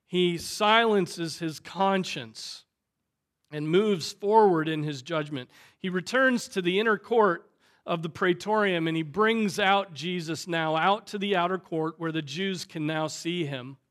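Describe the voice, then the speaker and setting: A male pastor with a Southern American accent, preaching a sermon with dramatic swings in loudness. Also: high voice, unhurried. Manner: dramatic, voices the crowd's shouts loudly.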